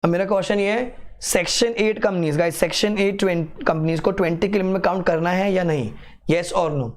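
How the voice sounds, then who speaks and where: A man's voice: high-pitched, fairly quick. A man with an Indian English accent teaching a live online exam class in mixed Hindi and English, drilling each point by repeating key words over and over and teasing students. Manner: teasing, addresses students as "beta".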